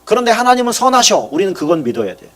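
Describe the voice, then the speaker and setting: A male pastor delivers a sermon in a fairly high voice that swings widely in pitch. He moves from loud, emphatic peaks to quiet asides and acts out short pieces of dialogue. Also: very animated, very fast. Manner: asks the congregation questions.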